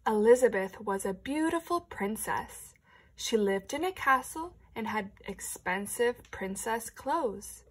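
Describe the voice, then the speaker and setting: A woman teacher reads a picture book to young children at an unhurried pace. Her voice rises and falls in wide, lively swings, with a breathy, husky texture and a slightly high pitch. She often drops into soft whispered asides. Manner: expressive storytelling with hushed, whispered asides.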